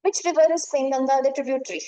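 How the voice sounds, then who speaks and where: A woman's voice: sits high, fairly even intonation, fast, warm tone, no echo, poor audio. A woman with a North Indian accent teaching geography in an informal online lesson, mixing English and Hindi and often checking in as she explains. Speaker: geography teacher for exam coaching. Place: online class over screen share.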